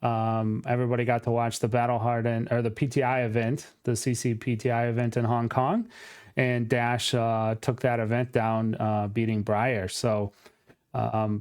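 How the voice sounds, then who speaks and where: A man hosts a casual card game talk, friendly and chatty, with plenty of ums as he leads his co-host through the topic. His voice is smooth and clear, pitched in an ordinary middle range. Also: darkish tone. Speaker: channel host.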